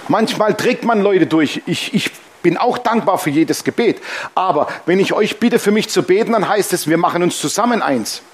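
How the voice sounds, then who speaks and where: A man's voice: sits high, animated, normal speed, breathy edge. A man preaching a sermon as pastor, emphatic and humorous, often calling out "Amen".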